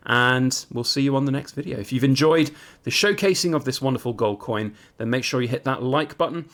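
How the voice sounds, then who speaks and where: A man's voice: mid-range voice, a bit bright. A British man talking casually and informally as an enthusiast hosting his own collecting vlog. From United Kingdom. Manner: chatty, conversational, informal. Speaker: coin collector and video host.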